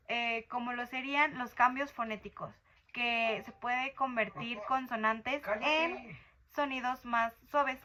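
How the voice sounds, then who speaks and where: A woman's voice: on the high side, pushed and bright, low-quality recording. A woman giving a class presentation, hesitant and using fillers. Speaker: student presenter.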